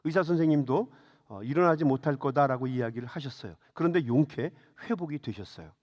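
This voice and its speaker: A middle-aged man preaching a sermon as a pastor, telling a story and then urging his congregation with fervor. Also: a little high. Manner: storytelling, rising to fervent exhortation. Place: church sanctuary. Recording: reverberant church hall.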